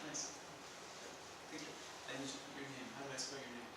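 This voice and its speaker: A man's voice: mid-range voice, little pitch movement, normal speed. A man leading a workshop informally, speaking in an encouraging, reassuring manner. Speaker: workshop facilitator. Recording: very echoey room, distant mic, loud noise.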